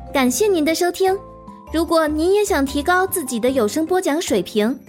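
High-voiced woman reading a show's closing notice. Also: a little mellow. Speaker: program announcer. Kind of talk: scripted closing announcement.

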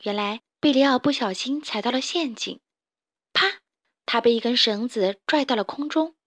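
A woman storyteller reading a children's story aloud in a gentle, expressive way. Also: on the high side, moderate pace, dry recording. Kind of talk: scripted storybook narration.

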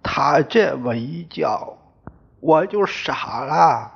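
Male audiobook narrator, first person, very slow pace, fairly high voice. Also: expressive, vocal fry, breathy edge. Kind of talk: first-person novel reading. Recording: dull lo-fi recording.

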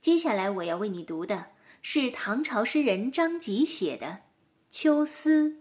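A woman telling a story for children, gentle and expressive. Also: mid-range voice, moderate pace, reverberant, recorded from a distance.

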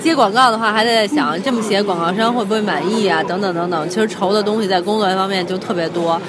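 A woman's voice: mid-range voice, quick pace. Beijing woman chatting over crowd noise. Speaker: podcast co-host. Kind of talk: casual chat.

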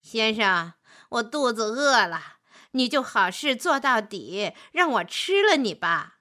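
A woman's voice: on the high side, big pitch swings, slow, bright, forceful tone, exaggerated voice. A woman voicing a hungry, brazen male wolf in a children's storybook, with a mocking, pushy manner. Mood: wheedling.

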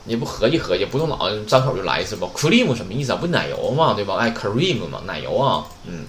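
A man's voice: on the low side, sing-song, quick pace. A man teaching a Japanese vocabulary lesson, chatty and joking, often asking rhetorical questions. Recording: roomy echo, faint background noise.

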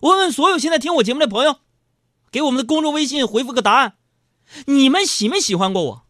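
A man's voice: very high-pitched, expressive, quick pace, pushed and bright, no echo. A man hosting a radio show, telling comic self-mocking stories into a studio microphone. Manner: joking, self-mocking, acts out quoted voices. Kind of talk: comic storytelling monologue.

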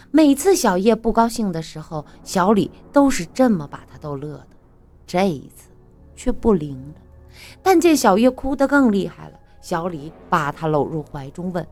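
Expressive woman narrating a story. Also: lowish voice, moderate pace, soft background music. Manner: expressive, dramatic.

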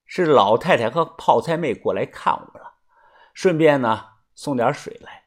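A man's voice: medium pitch, animated, unhurried. A man narrating a story in a chatty way, stretching particles at the ends of his phrases. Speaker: audiobook narrator.

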